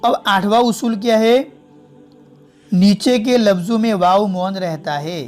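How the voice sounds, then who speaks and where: A methodical teacher leads a recorded lesson, saying each word, then the wrong reading, then the right one. The voice sits at an ordinary middle pitch and speaks straight to viewers as friends. Faint music plays quietly behind. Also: a little slow. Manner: addresses viewers directly as friends. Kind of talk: online video lesson in spoken Hindi-Urdu.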